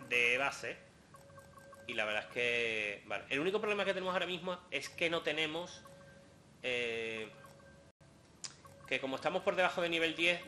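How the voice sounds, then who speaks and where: A man giving joking, excitable gameplay commentary, swearing casually. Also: a little high, slight background noise. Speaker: gaming host.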